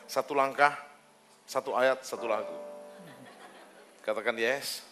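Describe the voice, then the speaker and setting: A man preaching a lively, joking sermon as pastor, bantering with the congregation on a handheld mic. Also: medium pitch, a little slow, faint music behind. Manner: joking, teasing, talks casually with listeners. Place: church service hall.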